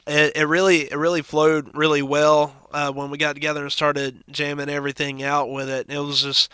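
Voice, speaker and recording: A male drummer talking earnestly as a radio guest, in a bright, smooth, fairly high voice. He is close on a dry studio mic and stays easygoing. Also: little pitch movement, fairly quick, no room sound. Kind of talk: casual interview chat. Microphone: studio microphone.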